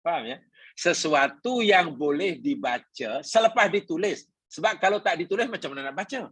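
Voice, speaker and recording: A man's voice: a little high, lively intonation, moderate pace, a bit bright, husky, no echo. A man with a Malaysian Malay accent teaching a Quran class, explaining patiently, repeating his points and asking the congregation questions. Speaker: religious teacher.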